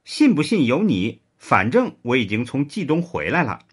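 A man's voice: big pitch swings, moderate pace, husky. A man voicing a clingy, sulky young woman with a raised, whiny voice in a spoken story. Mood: sulky, pouting. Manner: whiny, pouting, raised pitch.

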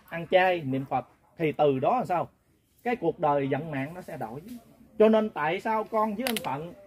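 A man's voice: on the high side, a little mellow. A man with a Southern Vietnamese accent leading a pilgrim group, telling a folksy, earnest story-sermon and often turning to his listeners. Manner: folksy, earnest, keeps addressing listeners directly. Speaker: pilgrimage group leader and lay preacher.

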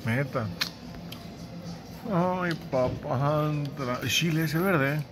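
A man's voice: a little high, very slow, over music. A man with a Mexican accent teasing a friend in casual chat at a seafood restaurant, laughing often. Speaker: vlogger filming a friend.

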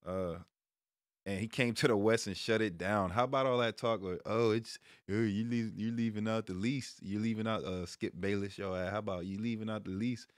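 Here a man in his thirties, American, with a lowish voice talks at normal speed and with fairly even intonation, casually riffing on sports in laid-back slang. As a streamer and sports vlogger, he records indoors in a small room at home using a headset and a close mic on a stand, with no room sound and studio-quality audio.

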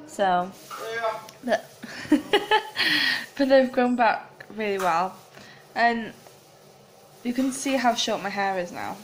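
A young woman with a mid-range voice speaks slowly, leaving long pauses, in a low-quality recording. She rambles and giggles through a casual vlog shot on a phone at arm's length, first in a small flat, then outside on a windy street.

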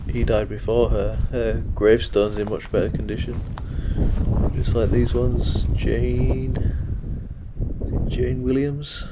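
A man narrating a walking tour of a churchyard in a relaxed way, with frequent ums, recorded outdoors on an action camera. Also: medium pitch, takes it slowly. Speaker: walking vlogger. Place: outdoors in a windy rural churchyard. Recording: loud wind noise on the mic. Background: wind.

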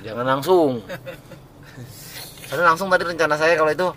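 A man's voice: a little high, a little fast, bright, forceful tone. A man from Jakarta chatting and joking with a driver, asking him lots of questions. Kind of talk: casual chat.

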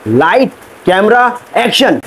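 A man's voice: high-pitched, sing-song, slow, a bit bright, slight background noise, exaggerated voice, low-quality recording. A man playing an impatient film director who scolds his actor and calls out the cues for each take. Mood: exasperated. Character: impatient shouting male film director, adult. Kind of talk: comic short film acting.

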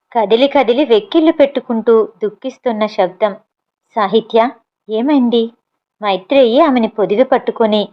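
A woman reads a serialized novel aloud in a calm, even storytelling voice. Her voice sits a little high. The recording is dull and lo-fi. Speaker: audiobook narrator.

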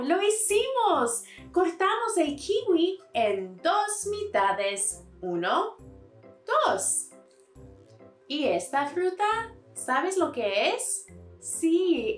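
A woman teaching Spanish to toddlers in a slow, sing-song, encouraging way, repeating simple words. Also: high-pitched, reverberant.

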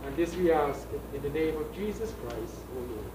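High-voiced priest praying in an echoey room. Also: male voice, lively intonation, darkish tone. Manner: measured, formal reading with pauses. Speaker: priest officiating a funeral. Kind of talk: solemn funeral liturgy, read prayers. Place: small indoor funeral service room. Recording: echoey room, distant mic, background noise.

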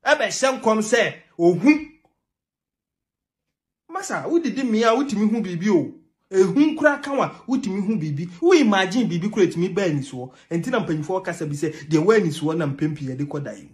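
In a small indoor space with a TV behind him, a young Ghanaian man rants about politics to the camera in a high, animated voice at a fairly quick clip. He mixes Twi into his English, stays emphatic, and laughs partway through.

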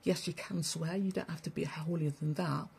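Blunt, gravelly woman ranting. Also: low-pitched, fairly even intonation, normal speed, darkish tone. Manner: blunt, swearing, preachy, addresses listeners as family. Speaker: spiritual broadcaster. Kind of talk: ranting livestream monologue.

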